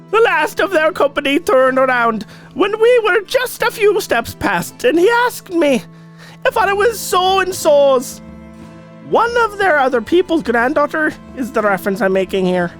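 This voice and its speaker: A man voicing an older Irish woman who slowly and earnestly tells of her encounters with fairies, in a put-on Irish accent. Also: very high voice, fairly bright tone, pitched above the performer's own voice, exaggerated voice. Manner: slow, earnest storytelling. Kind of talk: dramatic reading of listener stories.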